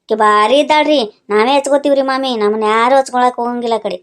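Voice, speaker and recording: A woman's voice: a little high, quick pace, natural voice. A woman voicing a chatty young niece in a cartoon who complains about a friend, speaking. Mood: complaining.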